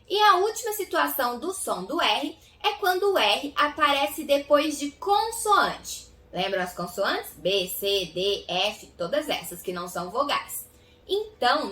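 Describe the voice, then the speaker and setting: A woman with a Goiás Brazilian accent teaches children to read. Her voice is high, bright and very lively as she stretches out each sound. She is recorded a bit off-mic in a roomy, echoey space. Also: distant mic. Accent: Goiás Brazilian Portuguese. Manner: slow, exaggerated sound-by-sound enunciation. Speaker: literacy teacher. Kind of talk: children's phonics lesson.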